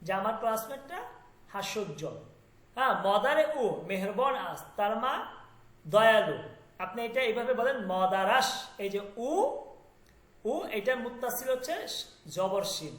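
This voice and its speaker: A man's voice: sits high, expressive, normal speed, long pauses, fairly bright tone. A man with a Bangladeshi Bengali accent teaching an online language lesson, explaining step by step and often checking that students understand. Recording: echoey room.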